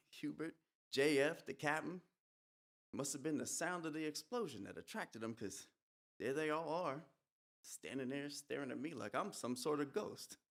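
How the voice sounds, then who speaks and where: In this eerie, folksy dramatic monologue at a live art museum event, a stage performer speaks as a young soldier come back from death. The natural, medium-pitched voice is expressive and runs at normal speed, telling the tale in rural dialect with hissing whispers.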